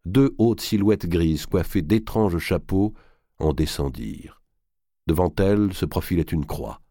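Male audiobook narrator, deep voice, dark tone, measured reading, dry sound. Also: expressive, no room sound. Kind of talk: scripted narration.

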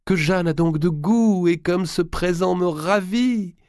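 A man voicing a haughty, sly young noble queen in a high, theatrical voice. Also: brisk, a little mellow, no room sound, studio quality, lightly acted. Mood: gushing, commanding.

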